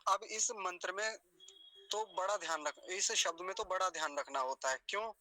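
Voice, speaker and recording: A man teaching pronunciation, saying words slowly syllable by syllable and quizzing his students. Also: high voice, bright, forceful tone, dry recording, low-quality recording. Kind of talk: pronunciation lesson.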